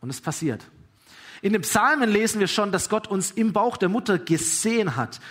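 Husky-voiced man preaching a sermon. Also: high voice, moderate pace. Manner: earnest, encouraging, retells scripture with lively quoted dialogue. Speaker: pastor.

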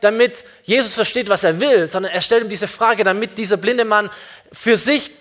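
Guy preaching a sermon, high voice, keeps asking the crowd questions. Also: normal speed. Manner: addresses listeners directly and warmly. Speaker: pastor.

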